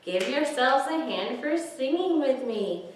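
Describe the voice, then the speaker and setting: Her voice high-pitched, expressive and a little slow, a woman leads young children through story time, reading picture books aloud, singing along, and offering simple words of encouragement. She sits far from the microphone in a room with heavy echo.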